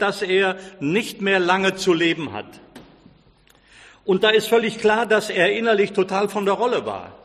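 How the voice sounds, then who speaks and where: A man's voice: high voice, a bit bright, big-room sound. A man preaching, telling a story in a sermon and acting out the characters' quoted lines with feeling.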